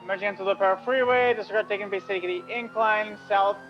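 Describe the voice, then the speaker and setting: A man playing a police officer, giving orders and callouts over a walkie talkie radio, halting, with many fillers and restarts. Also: high-pitched, steady tone. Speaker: police officer leading a pursuit. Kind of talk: roleplay radio traffic. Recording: muffled lo-fi radio with hiss.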